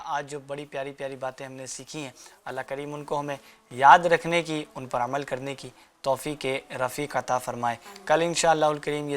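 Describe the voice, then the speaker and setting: Man, show host, mid pitch, formal devotional sign-off, blessings and prayers. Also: fairly bright tone. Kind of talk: closing remarks and prayers.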